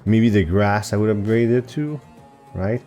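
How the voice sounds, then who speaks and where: Faint music plays behind a man with a fairly low, warm, unhurried voice. Recording at home for his own gaming channel, he gives casual gameplay commentary, thinking aloud with hesitant fillers and self-corrections.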